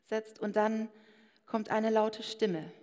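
A woman's voice: a little high, little pitch movement, takes it slowly, a little mellow. Woman preaching in a reverberant hall. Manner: personal, speaks straight to the listeners. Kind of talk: sermon.

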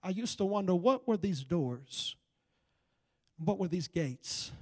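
A man preaching a sermon as an evangelist, in a rhythmic style that swells from hushed lines to shouting. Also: high-pitched, animated, slow.

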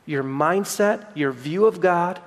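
Middle-aged male pastor, earnest sermon delivery, repeats lines for weight, high-pitched, reverberant hall sound. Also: takes it slowly. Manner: earnest preaching, repeats phrases for emphasis.

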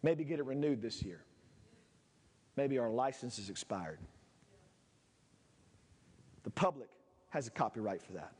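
A man's voice: medium pitch, lively intonation, measured pace, long pauses, darkish tone, slightly rough, big-room sound. A man preaching a sermon as pastor in his church, impassioned and repetitive, building to fervent peaks. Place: church sanctuary.

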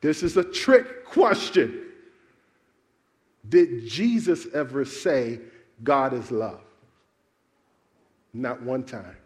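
In a medium-pitched voice, a man preaches with drawn-out words and frequent pauses. His manner is animated as he calls out questions and urges the congregation to answer.

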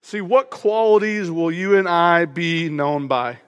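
A high-voiced pastor delivers a sermon loudly, with energy and emphasis, addressing the congregation before him. His slightly slow, smooth delivery rings through a church auditorium with a long hall reverb.

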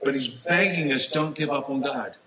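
A man preaching a sermon in a church, talking to the congregation in a conversational way, with sudden emphatic rises and soft, quiet drops. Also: medium pitch, moderate pace, slight background noise, poor audio.

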